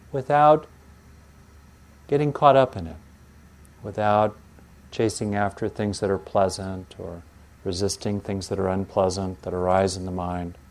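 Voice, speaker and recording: A man with a fairly low voice leads a guided meditation. He speaks in a soothing, gentle way, like a yoga teacher, leaving unhurried pauses between short phrases of instruction.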